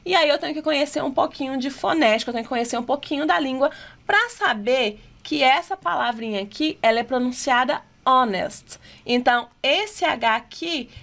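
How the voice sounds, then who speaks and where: A woman teacher with a Brazilian Portuguese accent and a high voice explains exam questions in a prep lesson. She keeps asking rhetorical questions and reads the English items slowly and deliberately. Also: gravelly, fairly bright tone.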